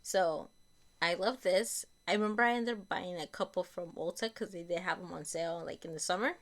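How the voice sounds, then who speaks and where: A young beauty vlogger with a fairly low voice, a bit raspy from a lingering cold, chats casually about beauty products she's used up. She talks a little fast and often repeats and corrects herself.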